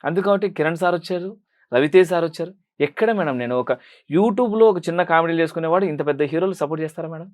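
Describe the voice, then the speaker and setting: A young man speaking Telugu with a Rayalaseema accent, pouring out his answers at a very fast clip. His voice sits a little high and he keeps deferring politely to the interviewer. The sound is close and clean. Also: a little mellow. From Rayalaseema, India. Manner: earnest, rapid, addresses interviewer as madam constantly. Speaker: film director and actor.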